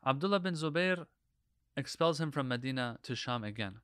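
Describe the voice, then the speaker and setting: Male religious lecturer, mid-pitched and crisp, dry recording, delivering history like an emphatic preacher. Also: animated, moderate pace, a bit bright, no echo. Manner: preacher-like, emphatic, with rhetorical questions.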